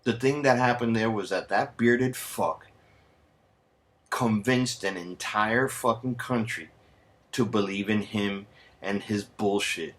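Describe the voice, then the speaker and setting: Speaking slowly in a fairly low voice, an American vlogger delivers an angry, sarcastic rant full of constant swearing and sprinkled with Spanish slang.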